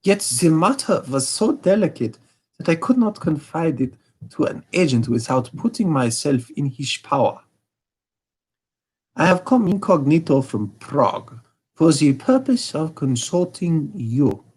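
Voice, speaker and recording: A man's voice: on the high side, big pitch swings, a little slow, a little mellow, slightly rough, voice pushed up, exaggerated voice. A man voicing a proud, haughty Bohemian king with a put-on German accent, raised well above his own voice.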